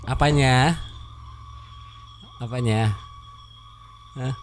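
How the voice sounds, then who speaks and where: A man's voice: mid-range voice, drawn-out words, a little hiss or hum. A man chatting casually to camera, rambling in slang and bantering with a child nearby. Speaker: content creator.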